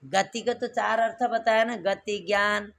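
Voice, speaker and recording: Slow, gravelly man teaching a class. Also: high-pitched, fairly even intonation, a bit bright, soft background music. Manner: slow and repetitive, quizzing students with questions. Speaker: Sanskrit grammar teacher. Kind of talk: classroom lesson, drilling verb forms.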